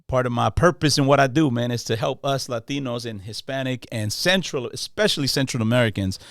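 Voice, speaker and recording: A man's voice: medium pitch, brisk, dry recording, clean studio sound. A man hosting a podcast, talking casually in slang and often restarting his phrases. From Los Angeles. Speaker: podcast host. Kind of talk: casual interview chat.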